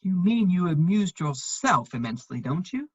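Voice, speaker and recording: A woman gives a dramatic reading of a period comedy, playing a witty, aloof upper-class gentleman in a husky, lowish voice with big pitch swings. Her delivery is dry, measured, cutting and sardonic. The lo-fi recording carries a little hiss or hum.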